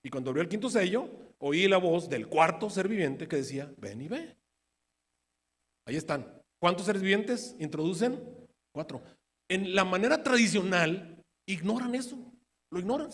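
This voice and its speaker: A man with a high-pitched voice teaches from scripture like a preacher. He peppers his listeners with rhetorical questions, pressing hard on some points and dropping low on others. His voice trails off into the long reverb of a large hall. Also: lively intonation, moderate pace, breathy edge. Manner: questions the audience rhetorically, swings from emphatic to quiet. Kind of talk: sermon-style Bible study.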